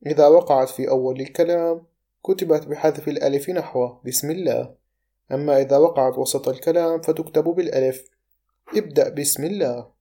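A man reading out numbered spelling rules and word examples in a measured teaching voice. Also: on the high side, mellow.

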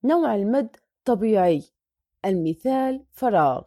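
A woman's voice: medium pitch, expressive, a little slow, mellow, no echo, clean studio sound. A woman teacher reading a Quran recitation worksheet aloud, going through each question and answer methodically and drawing out the example words.

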